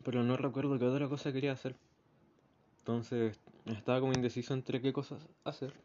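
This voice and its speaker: A man's voice: medium pitch, little pitch movement, a little fast, darkish tone. A young man with a Chilean Spanish accent, recounting a bus ride in a casual spoken diary and acting out the voices of the people in it. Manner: rambling storyteller, acts out the voices in his anecdotes. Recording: slightly muffled with faint background noise.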